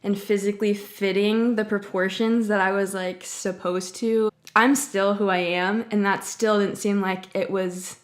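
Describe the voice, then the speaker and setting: A woman's voice: medium pitch, fairly even intonation, a little slow, few pauses. A woman in her twenties chatting informally and candidly as a singer-songwriter vlogger, with plenty of casual slang. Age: 20s. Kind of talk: casual personal chat.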